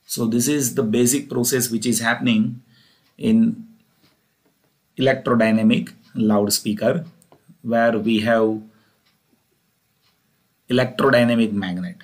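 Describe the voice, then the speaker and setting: The recording quality is poor as a man with a medium-pitched voice lectures on engineering. His intonation stays fairly even, and he's unhurried, pausing often while working through each step and repeating points as he goes.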